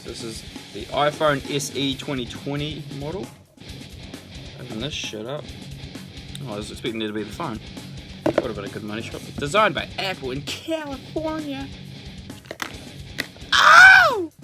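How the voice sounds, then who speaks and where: Excitable swearing young man, music behind. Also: mid-range voice. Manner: excitable, loud bursts and heavy swearing. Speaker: vlogger. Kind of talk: casual unboxing vlog.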